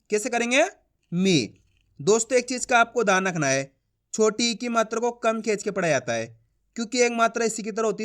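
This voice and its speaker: In an online Hindi lesson for beginners, this man treats viewers as friends, patiently repeats each point, sounds out syllables slowly, and checks that they follow along. His voice is high and a bit bright.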